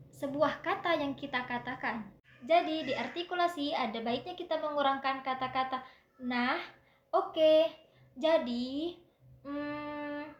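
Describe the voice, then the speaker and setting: Young female student presenter, high voice, explains and demonstrates aloud, roomy echo. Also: highs cut off. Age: young adult. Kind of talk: classroom presentation on public speaking.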